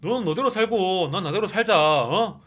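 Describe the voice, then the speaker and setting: A man's voice: sits high, animated, moderate pace, fairly bright tone. A man voicing an unfaithful husband who pleads in a mock-tearful tone, then snaps back bitterly. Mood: angry.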